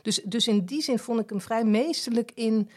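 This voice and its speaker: Female theatre critic, animated storyteller in a casual panel chat. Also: fairly high pitch, moderate pace, slightly rough. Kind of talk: conversational theatre review talk.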